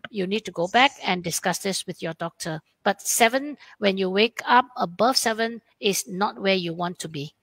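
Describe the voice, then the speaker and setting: A woman's voice: mid-range voice, moderate pace, hardly any pauses, a bit bright, dry recording. A woman endocrinologist with a Malaysian English accent answers webinar questions, explaining plainly and acting out what her patients say.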